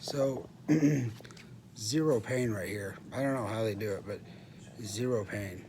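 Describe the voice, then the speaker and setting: A middle-aged man with a fairly low voice speaks over clear background noise in a room. His delivery is casual, subdued and halting, like a patient recording an informal update, with frequent throat clearing. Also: darkish tone. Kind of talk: casual vlog monologue. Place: hospital room. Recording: clearly noisy room ambience.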